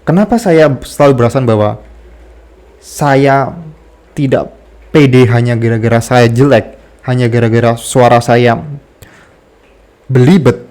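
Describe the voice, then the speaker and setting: A man's voice: medium pitch, measured pace, pauses often, a little mellow. A man with a slight lisp on his r, candidly telling a self-deprecating personal story to camera as a content creator.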